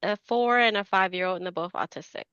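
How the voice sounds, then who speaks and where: A woman's voice: mid-range voice, fast talker, sharp tone, clean tone, no echo, muffled recording. A young adult woman hosting a podcast, teasing and giggling through a casual chat. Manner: giggly, teasing, laughs a lot. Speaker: podcast host.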